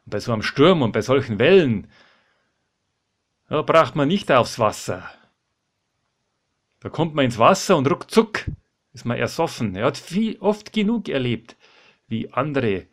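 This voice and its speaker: A man's voice: mid-range voice, sing-song, measured pace, creaky, pauses often. A man telling a Bible story dramatically, exclaiming and sometimes dropping to a whisper.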